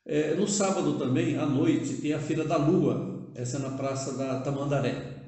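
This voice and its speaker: A man's voice: a little high, moderate pace, mellow. Older man talking in an echoey room. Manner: conversational, with frequent "né?" tags and hesitations. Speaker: vlogger proposing a civic project. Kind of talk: casual direct-to-camera talk. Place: indoor room, seated at a table.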